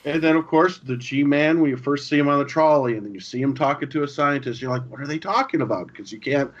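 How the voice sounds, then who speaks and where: A man co-hosting a gaming podcast, chatting casually and telling stories with lively acted-out lines. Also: a little high, a little fast. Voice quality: animated storyteller, acts out game lines. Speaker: podcast co-host. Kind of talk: casual chat. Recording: dull lo-fi audio.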